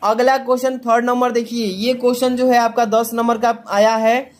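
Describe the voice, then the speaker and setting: A man's voice: extremely high pitch, level tone. A man with a Hindi accent from Uttar Pradesh, a teacher explaining an exam paper to students, often asking a question and answering it himself. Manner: rhetorical self-answering questions; slow sing-song recitation of verse.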